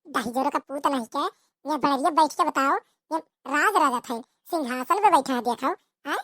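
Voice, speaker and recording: A woman's voice: sits high, moderate pace, fairly bright tone, dry recording. A woman with an Awadhi accent voicing a short-tempered village mother in a cartoon comedy, nagging and repeating her rebukes. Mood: scolding.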